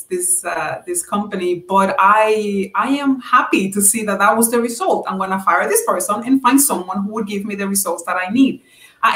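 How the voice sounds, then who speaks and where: A woman's voice: medium pitch, roomy sound. A woman answering interview questions in an earnest, advice-giving way with many fillers. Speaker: guest.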